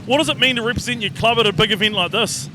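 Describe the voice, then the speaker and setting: Male trackside interviewer, New Zealand accent, very high voice, blokey and casual over engine noise. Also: quick pace. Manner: blokey, matey. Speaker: pit reporter, interviewer. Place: outdoors in rain at a speedway. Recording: noisy outdoor speedway with engines.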